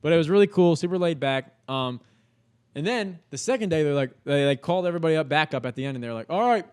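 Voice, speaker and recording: A man's voice: on the high side, fast talker, smooth. A young man, a podcast guest, telling a story in casual, slangy talk full of fillers and swearing. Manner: slangy and animated, heavy filler words and swearing.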